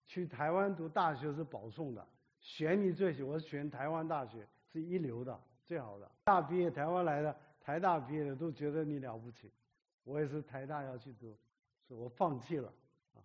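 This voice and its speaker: An older man, a pastor who grew up among overseas Chinese in Korea, telling his testimony in a lively storytelling manner with self-mocking humor. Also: on the high side, normal speed. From Korea, overseas Chinese community. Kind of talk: testimony sermon. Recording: dull lo-fi recording.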